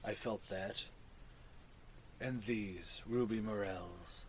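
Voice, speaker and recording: A man voicing a gentle, grateful mushroom creature leader in a tabletop game, speaking softly and courteously with a hushed, muffled, solemn delivery. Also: on the low side, takes it slowly, a little hiss or hum, pitched below the performer's own voice. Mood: kindly, solemn.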